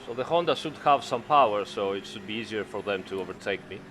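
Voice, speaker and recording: A man's voice: on the low side, animated, quick pace, fairly bright tone. A man chatting casually as he drives in a sim race. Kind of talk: casual chat while racing. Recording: faint engine noise. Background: racing car sounds.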